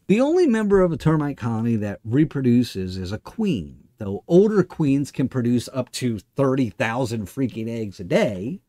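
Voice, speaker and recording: A middle-aged man delivers a scripted rebuttal as a show host. He is smug and sarcastic, leaning on words for emphasis as he explains. His pitch moves in an animated way, and the sound is dry, with little room echo. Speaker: livestream host and commentator. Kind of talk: scripted monologue rebuttal to camera. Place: small indoor studio.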